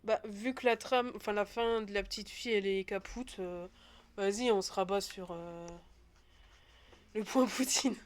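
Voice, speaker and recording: Brief: woman gamer, casual sarcastic commentary, swears freely, mid-pitched voice. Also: normal speed. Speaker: gaming streamer. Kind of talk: casual let's-play commentary.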